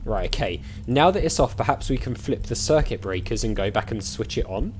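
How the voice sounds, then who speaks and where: A man with an expressive, brisk, mid-range voice chats casually through a let's play of an adventure game, musing aloud as he goes. Game music plays behind him, and there's slight background noise.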